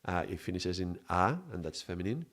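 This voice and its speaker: A man from Mallorca, teaching on a spiritual live stream in an unhurried, reflective way and greeting viewers. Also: sits low, expressive, fairly bright tone. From Mallorca, Spain. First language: Spanish.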